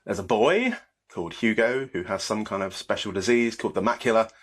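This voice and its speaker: Man, very low voice, husky, relaxed rambling podcast chat. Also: fairly quick. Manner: rambling, relaxed game rundown. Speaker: podcast co-host. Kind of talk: casual chat.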